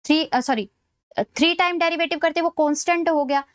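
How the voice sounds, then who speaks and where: A woman lecturing on maths for exam preparation. She explains step by step, often checking that students follow, and slows right down to dictate formulas. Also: high voice, dry recording, studio quality.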